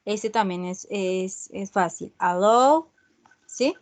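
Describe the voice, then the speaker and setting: A woman teaching an online English class, explaining rules slowly and checking in with her students often. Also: medium pitch. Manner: slow, repeats "¿sí?" checks with students. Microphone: video call.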